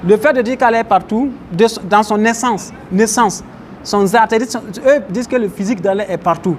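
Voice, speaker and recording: A man's voice: high-pitched, a little fast, a little hiss or hum. A man teaching a religious class, explaining Arabic terms and questioning his listeners. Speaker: Islamic teacher. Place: mosque, faint outdoor traffic behind.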